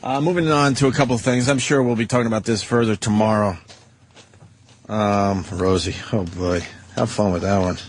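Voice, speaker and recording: A man's voice: lowish voice, fairly even intonation, moderate pace, a little hiss or hum. A man hosting a radio talk show in casual banter, blunt and freely swearing. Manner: blunt, profane.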